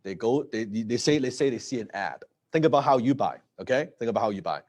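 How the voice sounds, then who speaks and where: Late-30s man presenting live, energetic, mid pitch, checks in with the audience constantly. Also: quick pace. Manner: energetic, repeats words and asks "right?". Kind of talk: live-streamed business talk.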